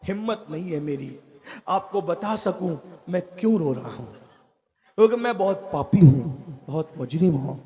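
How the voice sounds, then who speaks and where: A man's voice: high voice, lively intonation, normal speed, mellow. A man voicing a remorseful young grave robber who pleads and confesses through tears. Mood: confessing.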